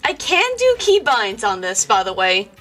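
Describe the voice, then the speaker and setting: A high-pitched woman talks through a voice changer that morphs her sound, chatting and giggling like a casual streamer. Faint music plays behind her. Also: wildly swooping pitch, unhurried, fairly bright tone. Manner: giggly, joking, lots of filler words. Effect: voice changer with a slight delay.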